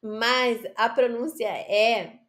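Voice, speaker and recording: Woman, Italian teacher, slow measured delivery, repeats words for pronunciation. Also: fairly high pitch, fairly bright tone. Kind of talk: online language lesson.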